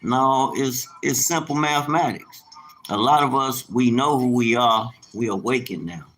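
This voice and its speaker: Speaking at a measured pace with a medium, slightly bright voice, a fifty-something man who runs a small business talks loosely on his livestream. He wanders from point to point and keeps repeating phrases for emphasis, recorded in an echoey space with faint noise behind him.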